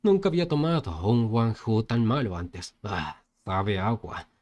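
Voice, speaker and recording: A man voicing a brash, rude young martial artist who talks bluntly and makes loud demands. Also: on the low side, lively intonation, unhurried. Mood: scornful.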